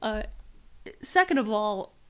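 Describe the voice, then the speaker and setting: A woman's voice: mid-range voice, expressive, takes it slowly, a bit bright, clear, resonant tone. A woman hosting a livestream, reading a letter aloud and picking it apart in an exasperated, sarcastic rant with swearing. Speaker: livestream host.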